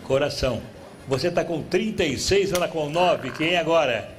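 Um homem brasileiro apresentando um programa de auditório ao vivo, lendo pistas devagar e provocando as participantes. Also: male voice, a little high, expressive. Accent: Brazilian Portuguese. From Brazil. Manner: reads clues slowly, teasing contestants. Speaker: game show host. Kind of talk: live TV game show hosting. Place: TV studio with live audience. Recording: clear background noise from a TV studio.

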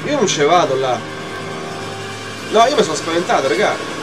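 A man's voice: fairly high pitch, sing-song, normal speed, over music. A young man, giving horror let's play commentary, muttering to himself, swearing and yelping in fright. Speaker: gaming channel host.

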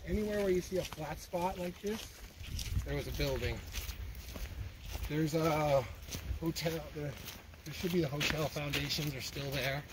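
A man with a slightly high voice chats casually as he guides a walk. He explains in short phrases, often repeating them. The recording is outdoors, with clear ambient noise around him. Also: moderate pace, long pauses. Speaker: hiking guide explaining local mining history. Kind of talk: casual outdoor chat while walking. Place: outdoors on a wooded trail.

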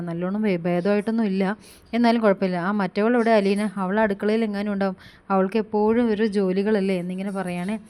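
A woman quickly retelling a TV serial episode, quoting each character's lines in turn with frequent fillers. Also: mid-range voice, darkish tone, smooth. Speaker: serial review vlogger.

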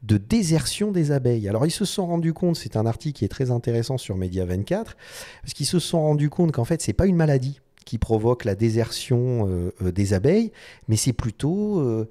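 Male vlogger talking design to camera, mellow, halting delivery with frequent restarts. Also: mid-range voice, very animated. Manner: hesitant, many fillers and restarts. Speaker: design video host. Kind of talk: casual explanatory talk to camera.

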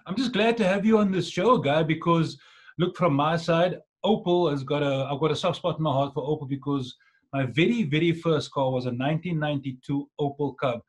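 A South African man hosts a casual podcast in a husky voice that sits a little high. He chats informally over a video call. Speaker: podcast host. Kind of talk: casual interview chat. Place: dim indoor room, video call.

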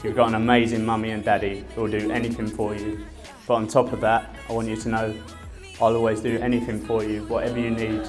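Young groom toasting over loud music. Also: male voice, lowish voice, flat delivery, quick pace. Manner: heartfelt, gently joking toast. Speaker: groom giving a wedding speech. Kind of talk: wedding speech. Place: brick-walled barn reception hall. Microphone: handheld microphone. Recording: speech under loud music.

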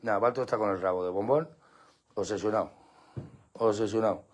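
A man's voice: brisk, a little hiss or hum. A man hosting a casual live stream with his dogs outdoors at night, talking into a handheld phone and calling to the dogs in a playful, coaxing way. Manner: coaxing, playful, breaks into high excited calls to the dogs. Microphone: phone held in hand.

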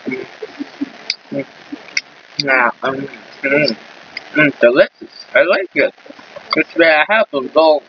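A man eating on camera and talking with his mouth full, halting with hums and fillers between bites. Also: a little high, lively intonation. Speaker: mukbang vlogger. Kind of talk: casual eating vlog. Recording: dull lo-fi sound with faint background noise.

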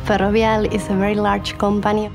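A woman's voice: mid-range voice, monotone, a little fast, creaky. A woman executive speaking steadily in a corporate promo interview. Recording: promo video with music bed.

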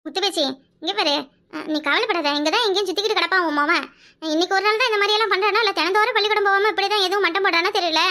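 A woman's voice: very high-pitched, very fast, pushed and bright. A woman voicing a suspicious, confiding village mother, with a Kanyakumari Tamil accent.

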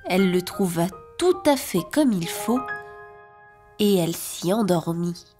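A woman narrating a children's fairy tale in a clear, expressive and rhythmic reading voice. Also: lowish voice, unhurried. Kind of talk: storybook narration for young children. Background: music.

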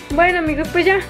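A woman, chatting giggly and lively to her camera in a home family vlog, acting out what others said. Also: high voice. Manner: chatty and giggly, acts out quotes. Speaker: vlogger. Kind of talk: casual family vlog chat. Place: home in the United States. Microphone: handheld camera.

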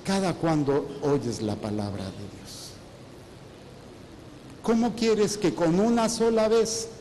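Teasing high-voiced priest. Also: male voice, expressive, slow pace, dark tone, a little hiss or hum. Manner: teasing, asks the congregation questions and answers them himself. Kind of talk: sermon. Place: church. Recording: long church reverb.

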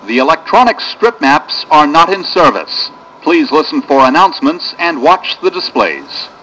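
A man making a formal, measured train announcement over the public address system. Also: a little high, sing-song, pushed and bright, slight background noise, low-quality recording. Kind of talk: recorded transit announcement.

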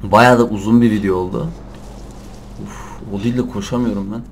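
A young man commentating a survival game in Turkish, shouting and cursing at the animals and laughing often. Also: on the low side, fairly quick, vocal fry, a little hiss or hum. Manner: excitable, swears and yells at the game, laughs often. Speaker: gameplay commentator. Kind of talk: let's play commentary.

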